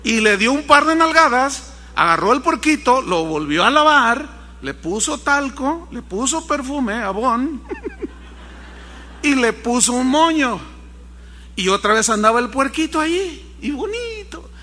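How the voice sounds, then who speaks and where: A man delivers a sermon in an animated storytelling manner, acting out each character's lines. His voice sits high and moves widely in pitch. It rings out with a long reverb, as in a large hall. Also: measured pace. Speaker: pastor.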